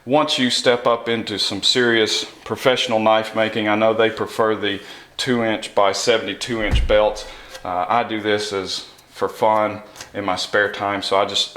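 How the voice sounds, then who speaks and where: A man's voice: lowish voice, flat delivery, measured pace, a bit bright. A man giving a casual, hands-on tutorial in a workshop, explaining things in an informal way. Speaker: knife sharpening tutorial host. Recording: echoey workshop room.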